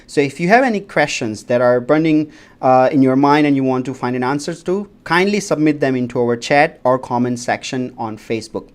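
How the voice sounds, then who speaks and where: A man's voice: medium pitch, fairly quick, smooth. A man moderating a livestream panel, giving formal notes to viewers in a polite, announcing manner.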